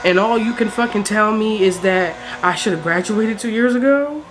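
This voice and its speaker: A woman in her twenties with a South Jersey accent vents to camera in a vlog, tearful, tired and frankly profane about her struggles. Her voice is mid-range at normal speed, and the low-quality recording carries a little hiss or hum.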